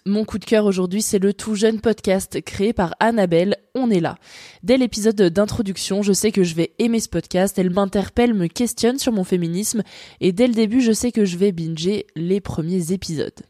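A woman's voice: medium pitch, normal speed, warm tone, dry recording, studio quality. A woman hosting a podcast, reading a friendly, conversational script. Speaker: podcast host.

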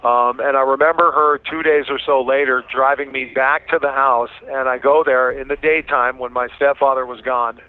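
A man recounts his own life as an interview guest, informal and emphatic. His medium-pitched voice comes through a thin, phone-like line. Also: fairly even intonation, moderate pace, few pauses. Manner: informal, emphatic, quotes remembered speech. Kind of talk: candid personal storytelling.

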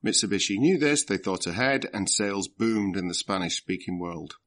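A man's voice: low-pitched, expressive, moderate pace, fairly bright tone. A man presenting a comedy podcast in a chatty, partly scripted way.

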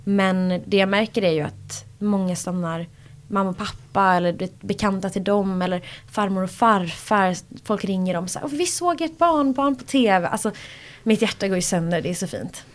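A young woman from Borås, a pop singer, talks as a guest on a podcast. She tells animated stories in a mid-pitched voice and slips into the voices of the people she quotes. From Borås, Sweden. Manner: animated storyteller who acts out quoted voices and laughs often. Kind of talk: casual interview chat.

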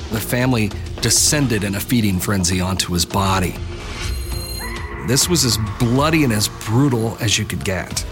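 A man's voice: lowish voice, lively intonation, moderate pace. A man giving dramatic storytelling commentary on historical crime for a documentary. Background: music behind the voice.

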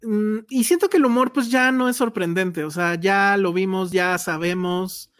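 A woman's voice: medium pitch, normal speed, faint music behind. A woman with a Mexican Spanish accent chatting casually as a film reviewer, slangy and full of hedges. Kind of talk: casual movie review chat.

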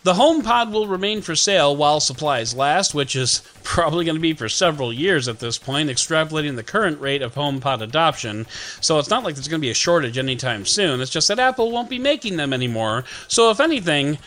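A man's voice: on the high side, expressive, fairly quick, fairly bright tone. A man hosting a scripted tech news podcast, reading with wry, joking asides. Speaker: podcast host.

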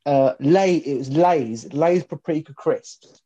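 A man chatting casually, telling rambling, halting stories. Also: a little high, mellow, slightly rough, muffled recording. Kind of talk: casual chat.

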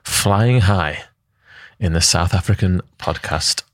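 A man's voice: sits low, takes it slowly, dry recording. A man from Northern England co-hosting a podcast, chatting casually with dry joking banter. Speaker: podcast co-host. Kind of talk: casual chat.

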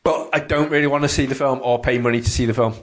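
A man's voice: medium pitch, steady tone, quick pace. A man co-hosting a podcast in loose casual chat, in an echoey empty room. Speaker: podcast co-host. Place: empty spare room indoors.

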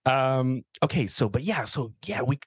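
A podcast co-host in casual chat, slangy and sweary, telling things haltingly and quoting their own reactions. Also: medium pitch, breathy edge, no room sound, clean studio sound. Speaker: podcast co-host reviewing short films.

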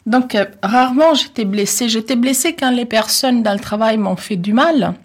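A middle-aged Italian woman with an Italian accent answers questions in a personal conversational interview, talkative and reflective, with frequent hesitations and soft laughs. Her voice is on the high side and slightly rough, at a moderate pace.

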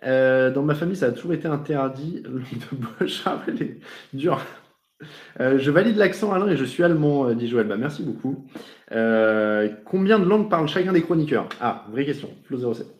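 A man's voice: mid-range voice, animated, a little fast, darkish tone. Chatty man hosting in a roomy space. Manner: chatty, jokey, tosses in foreign phrases. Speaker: show host reading viewer messages. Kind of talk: casual live-show chat. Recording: roomy echo.

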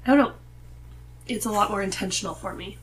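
A woman with a nasal, medium-pitched voice talks briskly and casually as a guest on a podcast. It's relaxed conversational chat, with noticeable background noise in the recording.

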